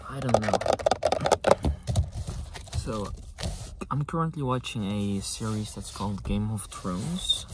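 A non-native English-speaking man in his twenties chatting casually for ASMR, soft-spoken and halting, sometimes slipping into a whisper. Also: fairly low pitch. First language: not English. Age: 20s. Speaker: ASMR video creator. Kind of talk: ASMR, casual rambling chat to camera. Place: inside a parked car with engine off. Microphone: close to camera behind steering wheel. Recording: clicking, tapping and handling noise throughout. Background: loud clicking and tapping.

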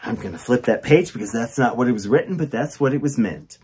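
A man's voice: medium pitch, lively intonation, fast talker, darkish tone, slightly rough. A middle-aged man, a sassy, campy drag queen reading a picture book comically with theatrical emphasis and knowing asides. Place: small furnished indoor set.

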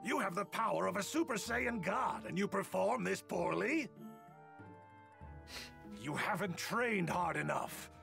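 An actor playing a haughty, menacing god of destruction in a video game, scolding pompously in a gravelly male voice. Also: sits high, lively intonation, unhurried, long pauses, a bit bright, faint music behind, exaggerated voice. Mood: scornful.

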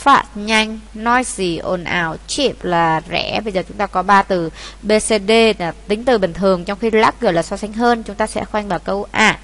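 A Vietnamese woman with a medium-pitched, slightly bright voice leads a class through an exam paper at a moderate pace. Speaking in a mid-range voice, she patiently walks her students back over the key points step by step.

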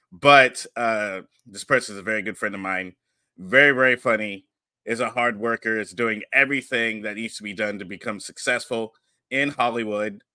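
A middle-aged man from Pennsylvania, hosting a podcast in a relaxed, chatty way with many fillers, on a studio mic. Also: lowish voice, dry recording. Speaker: podcast host and comedian. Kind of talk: casual podcast chat. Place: home studio room with posters. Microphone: studio mic on a boom arm with headphones.

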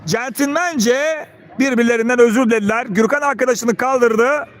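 A man giving live play-by-play football commentary in short calls of players' names. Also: normal speed. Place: outdoors beside a football pitch. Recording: outdoor pitch with players and crowd behind.

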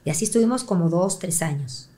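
Lively Mexican woman telling stories. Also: fairly low pitch, fast. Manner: animated, acts out quoted voices. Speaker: guest. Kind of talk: storytelling in a conversational interview.

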